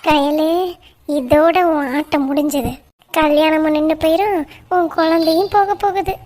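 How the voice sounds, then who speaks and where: A woman voicing a scheming, bossy middle-aged village aunt in a cartoon, scolding sharply and turning shrill when frightened. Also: fairly even intonation, a little slow, a little mellow, dry recording, soft background music. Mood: gloating. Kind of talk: cartoon voice acting.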